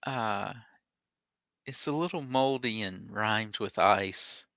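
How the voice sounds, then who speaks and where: Guy game master narrating a tabletop game, slow and sharp voice, very dry sound. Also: lowish voice, no room sound.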